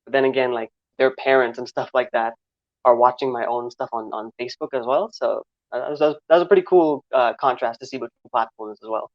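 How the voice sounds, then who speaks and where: A man's voice: medium pitch, a little fast, dry recording. Twenties guy, New York accent, easygoing interview guest who rambles, dry and slightly dull sound. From Trinidad. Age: 20s. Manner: rambling, many fillers and restarts. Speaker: guest filmmaker. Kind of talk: casual interview answers.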